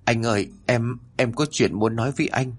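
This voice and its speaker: A man's voice: mid-range voice, brisk, breathy edge, close to an everyday voice. A man voicing a frightened, guilt-ridden young mother who pleads and apologizes in a horror story. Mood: pleading.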